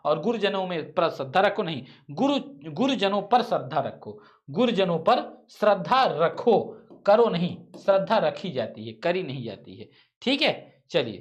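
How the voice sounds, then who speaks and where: A male teacher running a live online exam-prep lesson, quizzing viewers and cracking teasing jokes between questions. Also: sits high.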